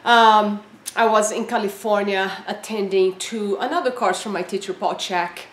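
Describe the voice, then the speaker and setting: A woman's voice: medium pitch, steady tone, moderate pace, reverberant. A woman life coach giving earnest, encouraging advice, asking her listeners one question after another. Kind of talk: coaching talk to camera.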